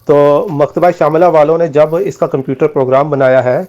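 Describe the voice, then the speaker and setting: A man's voice: fairly high pitch, steady tone, a little mellow, muffled recording. A man in a heated debate over voice messages, explaining his point steadily and accusing the other side.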